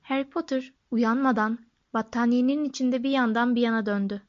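Fairly high-voiced woman narrating a storybook. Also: fairly even intonation, a little fast, a little mellow. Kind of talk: audiobook narration. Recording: dull lo-fi recording.

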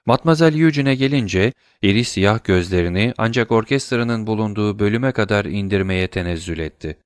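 A man reading a classic novel aloud with a low, measured voice. The recording is dry and close, with no room sound. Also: animated, clear, resonant tone, no room sound. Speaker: audiobook narrator. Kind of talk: scripted narration.

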